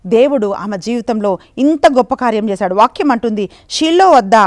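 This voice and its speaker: A middle-aged woman preaches with a fairly high voice. She moves into fervent spoken prayer and pleads with God again and again.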